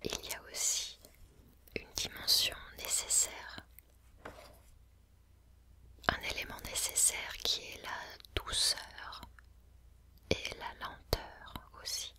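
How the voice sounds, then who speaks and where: In a slow, reflective ASMR video, a man whispers softly, musing aloud and sometimes pausing to start over.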